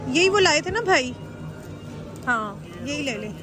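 Brief: a talkative woman, fairly high-pitched, phone-filmed grocery vlog with music underneath. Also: animated, a little slow. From Pakistan. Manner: chatty, exclaims at prices and food. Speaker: vlogger. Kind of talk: casual shopping vlog chat. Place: large indoor supermarket. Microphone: handheld phone camera. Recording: background music laid over.

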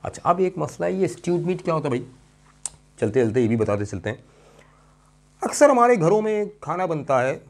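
Slow, emphatic male English teacher. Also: medium pitch, a little mellow. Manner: explains step by step with questions to students; slow and emphatic over key words. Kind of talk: classroom grammar lesson.

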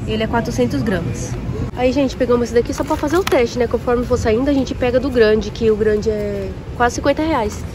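Here a young woman's slightly high, fairly quick voice carries a casual shopping vlog inside a huge warehouse store. She's a café owner who vlogs, chatting to viewers and reading prices aloud into a phone held out at arm's length, and the store is noisy.

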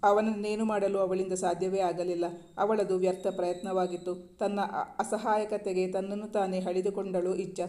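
Highish mellow male storyteller. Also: level tone, moderate pace. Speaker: story narrator. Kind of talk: scripted storybook narration.

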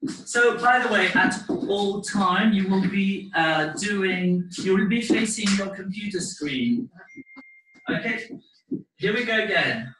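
A dance teacher with a high, bright, expressive voice gives step-by-step live instruction with counting from his living room, encouraging people and hesitating between instructions. He speaks slowly. A laptop or webcam mic across the room makes the audio roomy and distant, with slight background noise.

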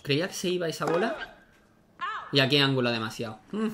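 Gamer for let's-play commentary: excitable, reacts out loud, higher-pitched, noisy mic with clicks. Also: male voice, fast. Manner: excitable, talks to himself while playing. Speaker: gaming YouTuber. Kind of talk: casual gameplay commentary.

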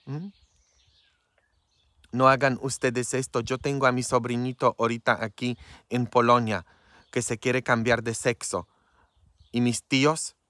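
A man's voice: medium pitch, sharp tone, no room sound. A man, a priest whose first language is Polish, preaching in a frank, tender way and often adding "mm?" to check in with listeners. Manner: frank and tender, with constant "mm?" tag questions. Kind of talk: informal preaching talk.

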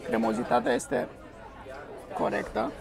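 A young man with a medium-pitched, gravelly voice that swings widely in pitch reviews food for a camera set on his table at an outdoor restaurant terrace. He's an enthusiastic food vlogger who exclaims as he tastes, while diners chatter around him on the terrace.

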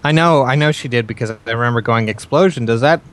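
A man's voice: mid-range voice, fast talker, fairly bright tone. A young man casually chatting and joking while playing a game with friends, often breaking into sing-song bits and swearing. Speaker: let's play host. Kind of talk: casual gaming chat.

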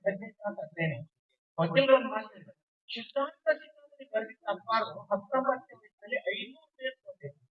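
A high-voiced man, a religious speaker, gives a devotional discourse to a seated gathering, telling stories and repeating emphatic phrases. The recording is distant and tinny, like a phone line.

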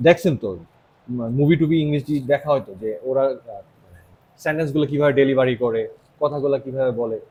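A man's voice: a little high, dark tone, a little hiss or hum, poor audio. A young man from Bangladesh with a Bangladeshi accent, giving a casual motivational English lesson and often asking "right?". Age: young adult. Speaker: English teacher.

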